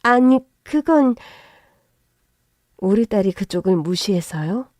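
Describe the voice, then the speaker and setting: A woman's voice: lively intonation, slow, darkish tone, no room sound, clean studio sound. A woman voicing a brash, scheming middle-aged mother-in-law who turns from indignant to fawning. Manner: shrill and indignant, then fawning.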